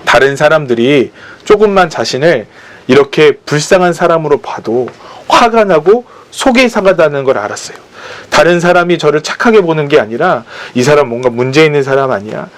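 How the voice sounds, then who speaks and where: A man's voice: a little high, lively intonation, fairly quick. A man preaching a sermon at a church service, telling personal stories and acting out the voices of the people in them. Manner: storytelling, acting out quoted voices. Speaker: pastor.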